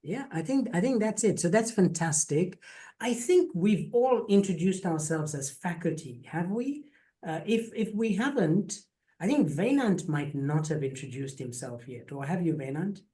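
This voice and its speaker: A man's voice: sits high, expressive, moderate pace, mellow. A man hosting an online info session, talking casually and joking, often repeating words as he goes. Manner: chatty, jokey, repeats words. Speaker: program faculty host. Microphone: video call.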